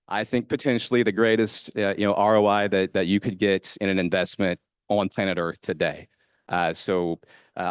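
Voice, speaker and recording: A man's voice: low voice, clean tone, no room sound, studio quality. A man presenting an investment fund at a conference in a confident, emphatic and upbeat way. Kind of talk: conference pitch talk. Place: hotel conference room.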